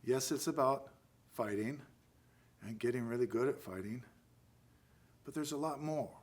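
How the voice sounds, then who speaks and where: An American man speaking as a karate instructor in a halting lecture, often pausing to check in with "right?". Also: medium pitch. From United States. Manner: halting, with pauses and frequent "right?" check-ins. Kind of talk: spoken class lecture.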